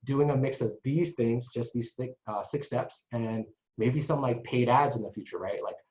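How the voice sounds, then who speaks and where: A man's voice: mid-range voice, normal speed, a little mellow. Man, consultant running a webinar, chatty, roomy echo, dull lo-fi sound. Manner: chatty, tags sentences with "right?". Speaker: marketing consultant presenter. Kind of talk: casual webinar teaching. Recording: echoey dull lo-fi online call.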